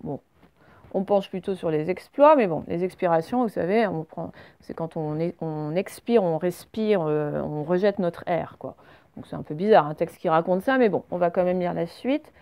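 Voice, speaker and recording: A French woman teaching a reading lesson, speaking slowly and clearly and spelling words out letter by letter. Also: lowish voice, warm tone.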